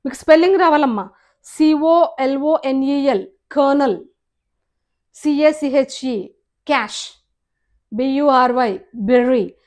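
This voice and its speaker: A woman with a Telugu accent, a Telugu speaker teaching English pronunciation, patiently repeating words slowly and drilling each sound. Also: high voice, a little mellow. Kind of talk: explanatory lesson on pronunciation.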